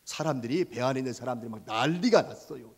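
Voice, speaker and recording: A man preaching to children as a Sunday school preacher, telling a Bible story in an animated way and asking them questions. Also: mid-range voice, fast, breathy edge. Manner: animated, asks children questions, voices sound effects.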